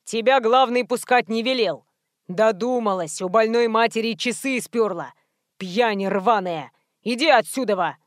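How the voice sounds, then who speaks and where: A rude old gatekeeper, half blind and quick to shout, growls each line at a slow, heavy pace, voiced by a woman narrating a storybook. The voice sits fairly high and sounds dry and close. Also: dry recording, natural voice. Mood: angry. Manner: gruff, barking, slow.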